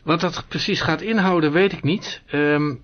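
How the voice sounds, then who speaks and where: A man hosting a casual demo of phone features, explaining in a relaxed way and thinking aloud. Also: fairly high pitch, normal speed, highs cut off. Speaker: host demonstrating phone features.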